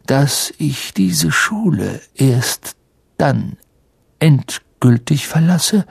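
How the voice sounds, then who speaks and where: A man voicing an old, wise headmaster who speaks slowly and deliberately in an audiobook reading. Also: a little high, no room sound, pitched above the performer's own voice, heavily acted. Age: older. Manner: slow and deliberate, clearly spoken.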